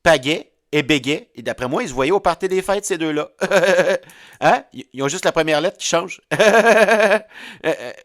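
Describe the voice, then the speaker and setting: A man's voice: high-pitched, animated, measured pace, fairly bright tone, no echo, studio quality. A man with a Québécois accent delivering a rambling comedic monologue, stammering and laughing often at his own jokes. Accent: Québécois French. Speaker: host of a comedic audio series.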